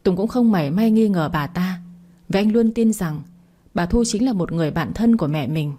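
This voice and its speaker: A woman narrates a long family drama story in a steady, scripted reading. Her voice sits low and sounds mellow and warm rather than bright. She reads the characters' lines herself without taking on new voices. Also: normal speed.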